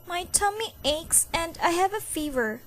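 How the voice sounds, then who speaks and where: Brief: a grumpy little boy, whiny and insistent, in a high, lively voice, voiced by a woman reading a storybook. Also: unhurried, a little hiss or hum, heavily acted. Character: sulky stubborn little boy.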